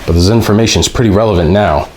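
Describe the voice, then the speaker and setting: Man, lowish voice, reading aloud with commentary, halting, slow and deliberate. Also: darkish tone, slight background noise. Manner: halting, with frequent pauses and restarts; reads slowly and deliberately. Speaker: video host.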